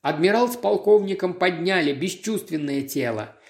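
Measured audiobook reader in a roomy space. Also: mid-range voice, lively intonation, creaky, a little mellow. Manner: measured, dramatic reading. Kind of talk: scripted narration. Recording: roomy echo.

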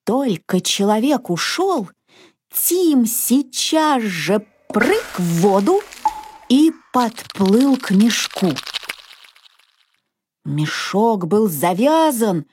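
Slow, animated woman reading a fairy tale. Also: fairly high pitch, slight background noise. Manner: expressive, animated, sing-song. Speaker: narrator. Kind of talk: children's storybook reading.

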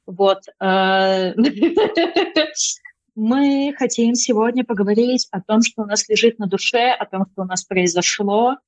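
A young woman with a speech impediment on her r's co-hosts a casual podcast. She speaks at an everyday middle pitch. Her manner is blunt and informal, with free swearing and a habit of cutting in. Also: slow, a little mellow, rough recording. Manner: blunt, swears freely, interrupts. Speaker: podcast co-host.

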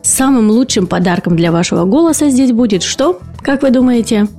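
A woman with a slightly high, dark-toned voice speaks a little fast over soft background music. She is a speech and voice therapist hosting an educational podcast, explaining things patiently and tossing rhetorical questions to her listeners.

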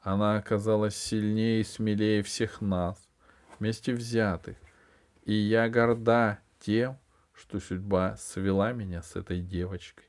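A man's voice: lowish voice, fairly even intonation, unhurried, a little mellow. A man reading an audiobook, voicing a proud, imperious empress who speaks with haughty command. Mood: solemn.

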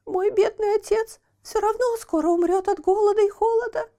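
A woman voicing a whiny, pitiful wooden puppet boy who wails his pleas in a high, shrill voice. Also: steady tone, normal speed, dark tone. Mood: wailing. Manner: wailing, sobbing pleas.

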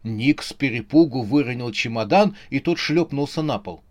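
Man narrating a comic horror audiobook. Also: mid-range voice. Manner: measured, expressive reading.

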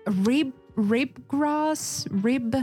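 A woman's voice: sits high, slow, mellow, breathy edge, soft background music. A woman from Russia with a Russian accent, chatting casually in English in a group discussion. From Yakutia, Russia.

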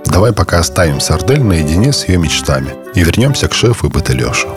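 A man with an extremely low voice narrates a children's story. He speaks as a storyteller addressing the listener, with music clearly audible behind him. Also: very animated, fast.

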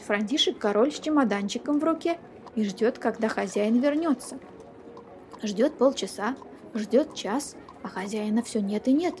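A woman reading a children's fairy tale aloud in a lively, expressive storytelling manner. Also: a little high, a little hiss or hum.

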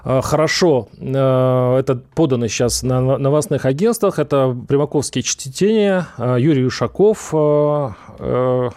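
A man hosting a political radio talk show, speaking haltingly and often repeating or restarting his words as he makes his case. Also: mid-range voice, darkish tone. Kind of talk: argumentative live political interview.

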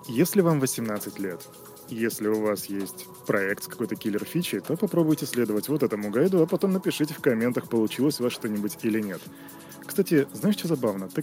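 Playful lower-voiced male host. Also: darkish tone. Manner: playful, addresses the audience directly. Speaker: interviewer host. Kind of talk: podcast interview.

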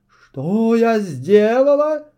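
An imperious ice witch queen from a children's storybook, as a man puts her on. Her voice rides higher and louder than the reader's own, icy and scornful, giving orders with cold contempt. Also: sing-song, very slow, clean tone, heavily acted. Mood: icy commanding. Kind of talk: children's audiobook acting.

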